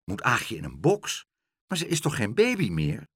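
A man's voice: medium pitch, wildly swooping pitch, moderate pace, slightly rough, no echo, studio quality. A man voicing a small, earnest boy in a storybook reading, indignant and outraged.

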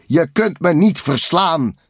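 A man's voice: fairly high pitch, expressive, takes it slowly, breathy edge, no room sound, clean studio sound, voice pushed up, exaggerated voice. A man voicing a scheming male race car villain who commands a ninja gang. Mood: boastful. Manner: boastful, commanding.

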